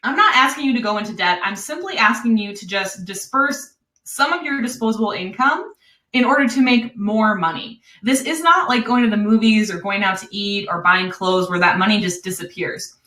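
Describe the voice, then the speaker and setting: A woman with a Wisconsin accent hosting a live webinar, pitching an online course in an upbeat, chatty way with frequent laughs. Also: animated, normal speed, pushed and bright, reverberant.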